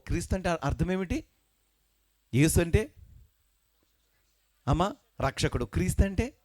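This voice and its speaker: A male pastor preaching a sermon with emphasis, calling on the congregation to answer back and reading scripture slowly. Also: a little high, darkish tone. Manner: emphatic preaching with call-and-response; slows and lifts voice when reading scripture. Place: religious meeting.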